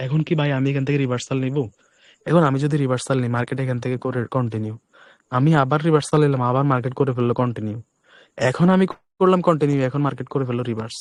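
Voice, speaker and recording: A hoarse man runs a live online class at a quick clip, his voice low and soft as if to save it. The sound is dry and close, with no room echo. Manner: speaks deliberately softly to spare his voice. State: hoarse, voice breaking. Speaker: trading instructor.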